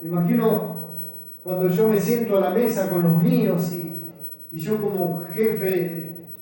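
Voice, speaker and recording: A man's voice: high-pitched, a little slow. A middle-aged man preaching a sermon as pastor, with an earnest, repetitive preaching cadence. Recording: echoey hall, distant mic, soft music.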